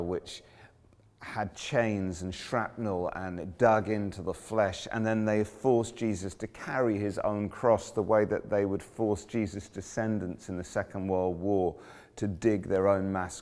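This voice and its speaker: Male preacher, sermon, low voice, vivid storytelling, hushed key lines, long church reverb. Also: steady tone, measured pace. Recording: echoey church hall.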